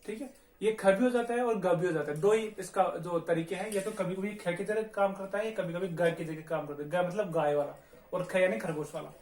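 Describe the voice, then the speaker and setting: A man with a rather high voice teaches beginners in a casual, patient way, saying each new word several times over. He keeps checking in with the class as he goes. The sound carries a roomy echo. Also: moderate pace, a little mellow. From India. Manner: patient, repeats each word many times with frequent "okay". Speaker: Spanish teacher. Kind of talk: casual spoken language lesson.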